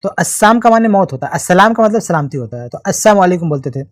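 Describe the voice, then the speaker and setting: A man preaching and answering a religious question, retelling a tradition with lively, animated quotes. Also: high-pitched, no room sound, clean studio sound. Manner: animated storytelling, quotes with changing tone. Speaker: Islamic preacher.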